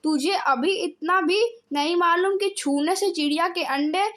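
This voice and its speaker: A woman's voice: very high-pitched, normal speed, a bit bright. A woman voicing an angry mother who scolds her children over broken bird eggs. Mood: scolding.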